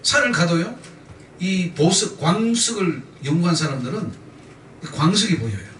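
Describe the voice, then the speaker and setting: A man's voice: sits high, expressive, normal speed, fairly bright tone, slight background noise. A male pastor preaching a sermon with emphatic repetition, leading the congregation in call-and-response. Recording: echoey church sound from a distant mic.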